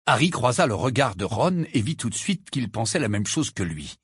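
A man's voice: mid-range voice, very animated, normal speed, breathy edge, dry recording, studio quality. A man reading a novel aloud expressively, with an occasional filler. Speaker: reader.

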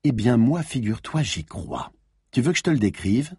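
A man's voice: mid-range voice, big pitch swings, normal speed, a little mellow, slightly rough, dry recording, clean studio sound. A man voicing a playful young woman who teases a sleepy lover and dreamily describes her idea of treasure. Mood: teasing. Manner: teasing, playful, wistful.

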